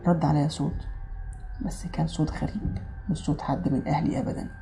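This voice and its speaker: A woman's voice: low voice, fairly even intonation, fast, vocal fry, dark tone, soft background music. A woman with an Egyptian accent telling a first-person horror story in a conversational way, with many fillers.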